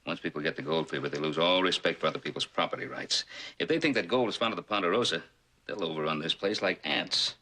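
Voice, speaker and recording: This western ranch patriarch has a deep, very forceful male voice and talks briskly. He is firm and principled, laying things down with emphatic authority. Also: exaggerated voice, low-quality recording. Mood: firm, concerned. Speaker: actor in a TV western. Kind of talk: TV western drama acting.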